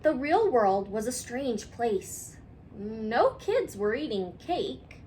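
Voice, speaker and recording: Woman, high and very lively voice, expressive children's story reader who leaves dramatic pauses. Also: a little hiss or hum. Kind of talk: expressive picture-book read-aloud for children.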